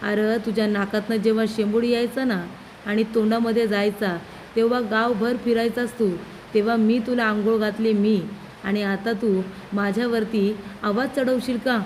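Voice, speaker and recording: A woman's voice: fairly high pitch, little pitch movement, moderate pace, darkish tone, slight background noise, natural voice, poor audio. A woman reading out the lines of a blunt, cheeky housemaid who talks back to her employer. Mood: defiant. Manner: cheeky, scolding. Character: blunt older housemaid who raised the master.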